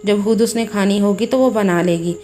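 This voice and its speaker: A woman's voice: medium pitch, moderate pace, dark tone, natural voice. A woman voicing a spiteful, spoiled young sister-in-law who mocks, in a storybook tale. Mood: mocking. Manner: spiteful, mocking.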